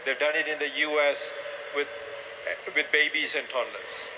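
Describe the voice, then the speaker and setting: A man moderating a live panel discussion, briskly summing up the guests' answers and posing questions. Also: a little high. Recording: noisy live event recording.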